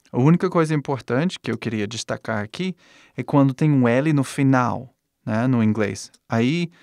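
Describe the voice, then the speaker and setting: Male English teacher, native English speaker, patient and encouraging, demonstrates sounds; dry close mic, mid-pitched. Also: creaky, a little mellow, no room sound. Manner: patient, reassuring, repeats sounds slowly to demonstrate. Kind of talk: language lesson.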